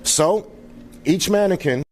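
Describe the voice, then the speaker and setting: A man's voice: high-pitched, takes it slowly, darkish tone. A man speaking as a founder presenting at a live event, informally welcoming guests in an earnest, grateful way.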